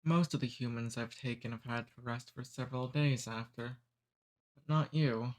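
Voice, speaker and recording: A gracious demon who steals away humans is voiced by a man in an ASMR roleplay, soft-spoken at an easy, normal speed. Amused and cordial, he teases gently and never threatens, using a natural medium-pitched voice in a plain middle register.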